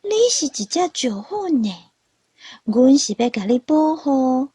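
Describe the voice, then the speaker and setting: A woman voicing an excited, pushy news reporter in a storybook, exclaiming in a hurry. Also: high voice, a little slow, breathy edge, no room sound, studio quality, heavily acted.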